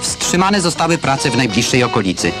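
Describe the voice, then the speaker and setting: A man narrating a 1970s newsreel voice-over, crisp and declamatory commentary read over footage. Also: mid-range voice, very animated, a little fast. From Poland. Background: loud film score music.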